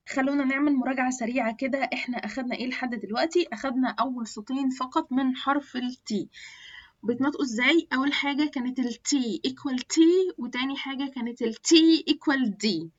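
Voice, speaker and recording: A woman with an Egyptian Arabic accent teaching English pronunciation in an online lesson, drilling lists of English words and stretching them out slowly. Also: high-pitched, a bit bright, dull audio.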